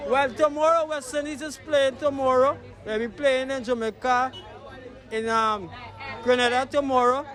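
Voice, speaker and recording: Outdoors on a street, a talkative man with a Trinidadian accent chats casually as an interviewee, rambling and drifting off the question. His voice has an extremely high pitch and is a bit bright.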